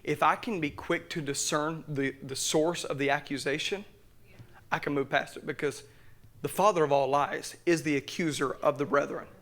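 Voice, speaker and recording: A young man preaching a sermon in church, joking and fervent, swinging between loud preaching and quiet asides. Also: on the high side, steady tone, moderate pace. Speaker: pastor. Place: church sanctuary.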